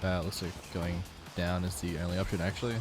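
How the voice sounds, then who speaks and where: A young man with a very low voice streams a video game. He rambles through casual, self-deprecating commentary and swears offhandedly. Faint game music plays behind him. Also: flat delivery, a little fast.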